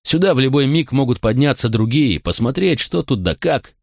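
A man's voice: mid-range voice, big pitch swings, normal speed, gravelly, a little mellow, no echo, clean studio sound, pitched above the performer's own voice. A man voicing a stern, angry Roman centurion who speaks in blunt, harsh commands. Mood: cold.

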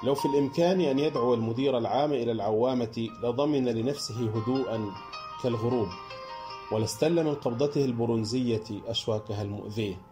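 A man narrating a novel in measured, scripted audiobook reading. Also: mid-range voice, over music.

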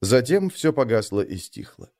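A man narrating a story as an expressive audiobook reader. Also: mid-range voice, normal speed.

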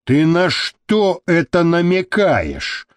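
A man's voice: fairly high pitch, wildly swooping pitch, slow, no room sound, studio quality, full character voice. A man reading the part of a rude, brutish thug who growls and snaps at people. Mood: gruff. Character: rough brutish male thug, quick to snap.

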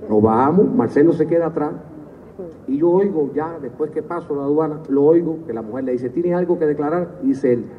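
A man's voice: a little high, a little fast, narrow, tinny audio. Cuban male performer, comic stage storytelling, captured far off in a big reverberant hall with faint hiss. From Cuba. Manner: anecdotal, chuckles at his own punchlines. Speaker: singer telling stories on stage. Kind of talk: humorous live storytelling between songs. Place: concert stage at a festival. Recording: distant, hall-echoed, phone-thin live recording.

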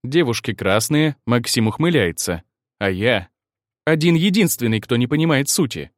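A man reads first-person fiction aloud as an audiobook narrator, with a lively, rising and falling delivery. His voice sits mid-pitched. The sound is dry and close, with no room around it. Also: moderate pace, no echo. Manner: expressive first-person reading.

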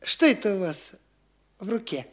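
A woman performing in a radio play voices a flighty, boastful young man pretending to be an official and condescending to the locals. Her mid-range voice is lightly acted, swaggering, lively and condescending, delivered at a moderate pace in a roomy-sounding space.

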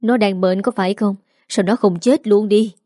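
An old woman of about seventy, by turns weeping and scolding, as a woman narrator puts her on. The voice is mellow and warm, recorded close and dry like a storybook reading. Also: mid-range voice, fairly even intonation, moderate pace, no echo, close to an everyday voice. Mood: harsh. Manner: tearful then sharp and scolding.

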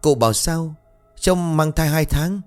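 A man voicing a proud, stubborn eighteen-year-old village girl, high and pleading. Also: expressive, brisk, faint music behind, close to an everyday voice. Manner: high and pleading, breaking into defiance.

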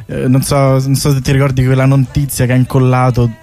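Music plays under a man's fast, mellow, mid-range voice with a level tone as he guests on a casual radio show. The artist presents his bike tour project from the studio, explaining in a rambling, hesitant, informal way full of repeated words.

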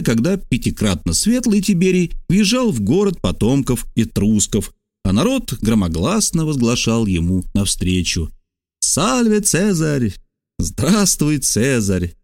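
A man narrating a humorous historical story as an audiobook reader, expressive and ironic. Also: medium pitch.

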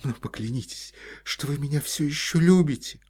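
A man's voice: medium pitch, moderate pace, dark tone, husky, pitched above the performer's own voice. A man voicing a distraught young woman in an audiobook, tearful and reproachful as she pleads. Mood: hysterical. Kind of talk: audiobook character voice.

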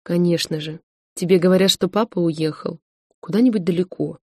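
A woman's voice: on the low side, moderate pace, no room sound, clean studio sound, lightly acted. Woman voicing a coaxing, sweet-talking woman. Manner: gentle, coaxing. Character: scheming woman, sweet and persuasive.

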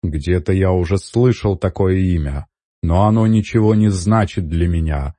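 A haughty shapeshifter guarding a hoard of treasure, as a male narrator puts him on, drawing out each word with cold contempt. The voice is very low, dark and husky. Nothing in the recording adds room sound. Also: no room sound. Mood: scornful. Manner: contemptuous, menacing, slow and low.

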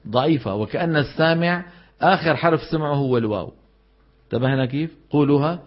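A man teaching Quran recitation to a class, explaining in casual dialect and chanting example words slowly. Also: fairly high pitch, highs cut off.

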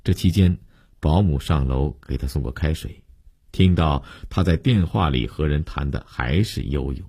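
Male storyteller, serialized story, extremely deep voice, husky, dry close sound. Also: no echo. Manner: steady, measured storytelling.

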